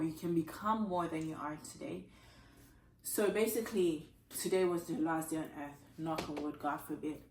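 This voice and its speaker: A woman from Ghana, an attorney and author in her thirties, giving an earnest motivational talk with a slightly croaky voice. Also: fairly low pitch. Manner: earnest, emphatic, repeats phrases for emphasis. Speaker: attorney and author, channel host. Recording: echoey room.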